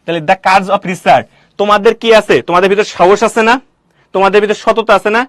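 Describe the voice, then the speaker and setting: A male teacher giving a classroom grammar lecture, quizzing students with quick questions and answering them himself. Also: high voice, steady tone, a bit bright, dry recording, clean studio sound.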